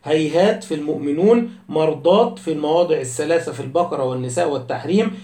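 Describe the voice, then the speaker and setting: A man teaching a lesson on Quranic spelling and recitation, listing words one by one and reciting the quoted verses slowly and deliberately. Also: a little high, mellow, reverberant.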